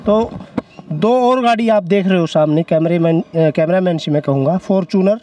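A man's voice: high voice, normal speed, dark tone. A man in his thirties hosting a used-car video on an outdoor lot, holding a handheld mic and hyping the prices with emphatic repetition. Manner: salesy, repeats prices with emphasis. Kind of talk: energetic promotional interview.

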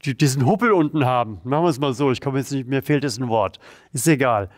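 A man leading a guided exercise routine, calm and encouraging, talking while he does the moves himself. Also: medium pitch, fast, dry recording, studio quality. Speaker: therapy coach leading exercises.

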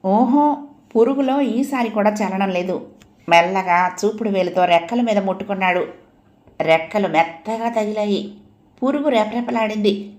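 A woman reading a story aloud in a gentle, unhurried storytelling manner. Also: medium pitch. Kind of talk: audiobook story narration.

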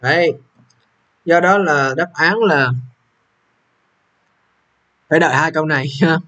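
A man's voice: fairly high pitch, measured pace, bright, forceful tone. A young man, walking students through an English exam, repeating question numbers and checking they follow. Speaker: English teacher. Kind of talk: exam walkthrough lesson.

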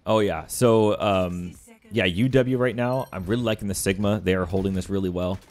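A man's voice: deep voice, normal speed, darkish tone. A young man doing live esports commentary, talking through plays in a casual, analytical way with lots of fillers.

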